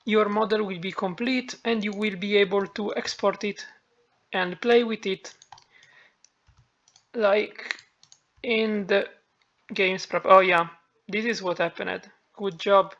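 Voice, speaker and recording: A woman with a heavy Italian accent walking through a software tutorial, thinking aloud and correcting herself as she goes. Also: mid-range voice, steady tone, takes it slowly, long pauses. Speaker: tutorial maker. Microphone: phone. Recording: dull lo-fi phone-mic recording.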